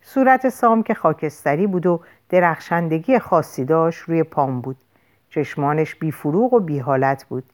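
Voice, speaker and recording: A woman reading a first-person audiobook with an expressive, dramatic delivery. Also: sits low. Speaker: audiobook narrator.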